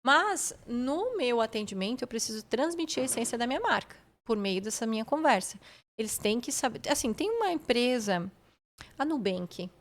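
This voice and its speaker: A woman's voice: fairly high pitch, sing-song, normal speed. A woman guest on a podcast, explaining customer service methods step by step and often checking in with the listener. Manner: methodical, often tags phrases with "né?". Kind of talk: explanatory interview talk.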